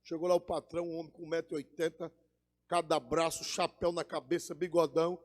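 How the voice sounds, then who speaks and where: A man's voice: a little high, flat delivery, brisk. A man preaching a fervent sermon, calling out to the congregation. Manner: fervent, call-and-response with the congregation. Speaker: pastor. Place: church. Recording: echoey church hall.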